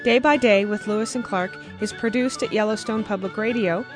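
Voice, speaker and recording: A woman's voice: medium pitch, fairly quick. A woman announcing the scripted title and credits of a radio series. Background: fiddle music.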